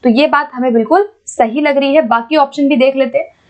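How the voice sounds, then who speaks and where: High-voiced woman teaching. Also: steady tone. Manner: explains patiently, repeats points, keeps checking with "ठीक है"; reads English questions out slowly. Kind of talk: exam-prep lesson.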